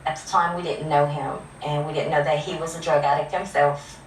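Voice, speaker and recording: A woman's voice: low-pitched, little pitch movement, fairly quick, roomy sound, distant mic, a little hiss or hum, rough recording. A woman talking candidly as an interviewee in a documentary. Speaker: interviewee, victim's relative.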